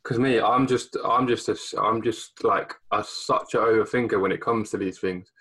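A man's voice: fairly low pitch, fairly even intonation, moderate pace, fairly bright tone, breathy edge, low-quality recording. A young man hosting a casual podcast, thinking aloud in a rambling, hesitant way. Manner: rambling, hesitant, many fillers and restarts. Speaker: podcast host. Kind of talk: casual chat.

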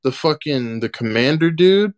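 A man co-hosting a casual chat, relaxed and swearing loosely while asking his friends questions. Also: a little high, normal speed. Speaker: podcast co-host. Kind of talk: casual anime discussion.

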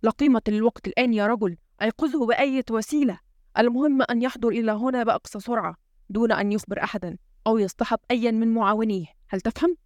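A woman's voice: a little high, very fast, dry recording, studio quality, close to an everyday voice. A woman playing a tense, commanding president. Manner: urgent, commanding. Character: tense, frustrated male head of state.

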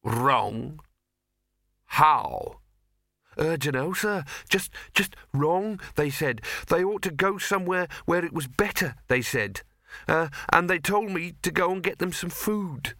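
A man's voice: on the high side, animated, slow, vocal fry, sharp tone, no room sound, clean studio sound, voice pushed up, exaggerated voice. A man voicing a nervous male servant who whines and stammers in fear. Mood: nervous whining. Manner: whining, stammering, fearful.

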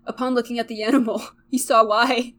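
Young woman, high voice, mock-dramatic reading of an old story, laughing. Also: little pitch movement, fairly quick, fairly bright tone, a little hiss or hum.

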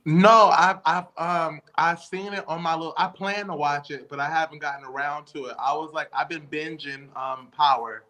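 A man co-hosting a casual podcast chat, relaxed and teasing with quick asides. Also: fairly high pitch. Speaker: podcast co-host.

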